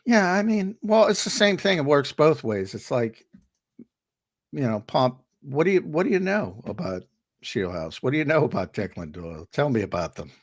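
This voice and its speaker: On a sports talk show, a male co-host and analyst argues his points emphatically, often repeating words as he gets a sentence started. He's slightly hoarse from losing his voice, which is mid-range with big pitch swings, and he speaks at a moderate pace.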